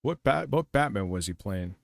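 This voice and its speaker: Loud music sits behind a fairly low, gravelly, animated male voice speaking at a moderate pace. It's a middle-aged streamer reacting to someone else's stream, meandering through profane reminiscences.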